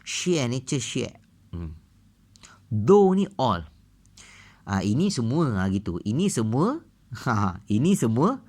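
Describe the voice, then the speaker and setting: A man's voice: mid-range voice, very animated, a little slow, darkish tone. A man with a Malaysian accent tutoring a beginner language lesson, repeating each phrase several times and switching between languages as he explains. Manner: drills phrases by repeating them, mixes languages. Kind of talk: casual lesson walkthrough.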